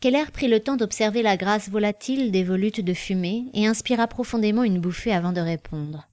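A woman's voice: medium pitch, fairly quick, no echo. Woman reading a novel, dry sound. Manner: even, literary storytelling. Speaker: narrator. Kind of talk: audiobook reading.

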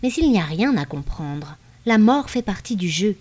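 A woman's voice: mid-range voice, very animated, moderate pace, darkish tone. A woman reading a cynical, cruel man in an audiobook, scornful and impatient. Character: cynical, cruel male warlord.

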